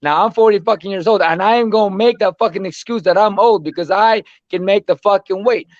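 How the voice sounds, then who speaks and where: A man's voice: high-pitched, fairly quick, no echo. A man of forty, a boxer, arguing in a heated, profane, insistent way on a casual panel, with muffled, dry sound. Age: 40s.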